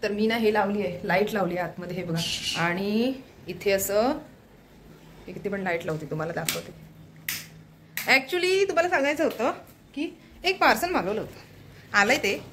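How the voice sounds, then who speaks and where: A woman's voice: medium pitch, animated, normal speed, long pauses, a bit bright, a little hiss or hum. A woman from Maharashtra chatting casually in a home vlog, keeps pointing things out to viewers. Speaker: vlogger.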